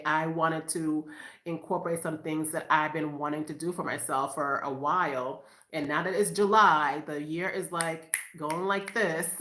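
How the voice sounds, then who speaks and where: Upbeat lady chatting live from her room at home, bright voice, roomy echo, keeps laughing. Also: on the low side. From Boston, USA. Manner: chatty and upbeat, often laughing, addresses viewers as you guys. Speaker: live-stream vlogger, mother of five. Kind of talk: casual live-stream chat to viewers. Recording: echoey room.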